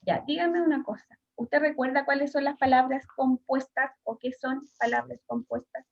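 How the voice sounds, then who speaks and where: Chilean woman teacher, high voice, halting with fillers, dull video-call sound. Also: little pitch movement, creaky. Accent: Chilean Spanish. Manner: hesitant, many fillers, asks pupils questions. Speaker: schoolteacher. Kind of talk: online class lesson.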